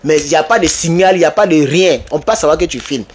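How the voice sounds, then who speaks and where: A man's voice: fairly high pitch, quick pace, slight background noise. A man from Côte d'Ivoire with an Ivorian French accent, telling a story and giving advice straight to his viewers. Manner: animated storytelling, addresses viewers directly. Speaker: vlogger. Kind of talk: casual monologue to camera.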